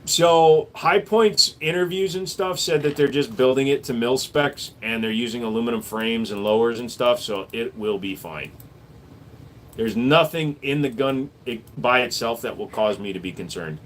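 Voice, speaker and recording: A gun shop owner hosts a laid-back livestream, reading viewers' messages out loud and answering them casually. His voice sits at a medium pitch and moves at a normal speed, with a faint hiss or hum in the audio.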